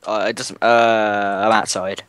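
Excitable young man gaming. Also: on the low side, clean tone, no echo. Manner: excitable, quick bursts of orders. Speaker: gaming video co-host. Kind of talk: casual gameplay chat.

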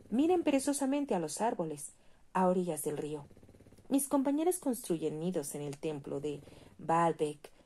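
A woman's voice: on the low side, dark tone. A tender little swallow, as a woman reads her. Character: kind devoted little swallow, female bird.

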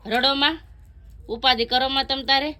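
A woman's voice: sits high, fairly even intonation, normal speed, bright, forceful tone. A woman narrating a casual family cooking vlog by a wood-fire stove at her village home, chatty and teasing. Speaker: family vlogger.

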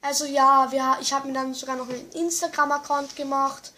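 A young gamer giving excited commentary, exclaiming often and muttering to themself. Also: sits high, brisk, slight background noise. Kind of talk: excited let's-play commentary.

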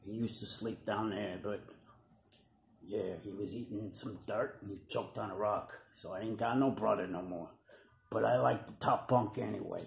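A man's voice: fairly low pitch, fairly even intonation, moderate pace, reverberant. A man performing a wisecracking male prairie dog puppet who talks in a chatty, streetwise New York tough-guy way, recorded on a webcam in a room at home. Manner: gravelly, chatty tough-guy patter with slang. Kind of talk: puppet comedy sketch.

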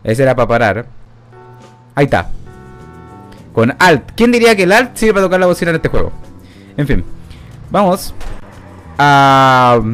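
A rambling, self-mocking man chatting over his gameplay, his voice high for a man and bouncing all over the place. Faint game music plays behind him. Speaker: gameplay commentator. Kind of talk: casual gameplay commentary. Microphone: new studio microphone.

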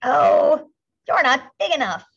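A woman voicing a small grouchy ladybug that picks fights, with loud, brash taunts, on a slightly muffled recording. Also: fairly high pitch, big pitch swings, a little slow, husky, pitched above the performer's own voice, full character voice.

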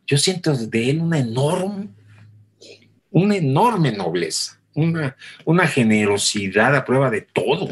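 A man, a theatre actor, telling anecdotes in relaxed conversation and acting out the people he quotes. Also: mid-range voice, unhurried, breathy edge. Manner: animated storyteller acting out quoted voices. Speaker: theatre actor, interview guest.

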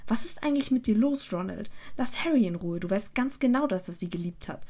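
A woman's voice: a little high, normal speed, warm tone, natural voice. A woman voicing a bossy teenage schoolgirl witch who scolds her friends. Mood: stern. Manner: strict, scolding. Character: sharp-tongued teenage girl witch, bossy.

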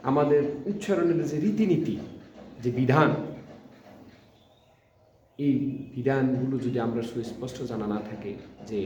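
A man with a Bangladeshi Bengali accent gives a classroom lesson in short, halting phrases, repeating each example word slowly. His voice is mellow and dark. He sounds far from the mic in a very echoey room, and the recording is dull with faint background noise. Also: mid-range voice. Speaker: college lecturer teaching Bengali pronunciation.

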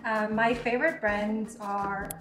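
Speaking slowly in a steady, mid-range voice, this chatty YouTuber from Taiwan, a native Mandarin speaker in her 20s, answers viewer questions and often says "like." The camera across her home kitchen counter catches her from a distance, with echo and music in the background.

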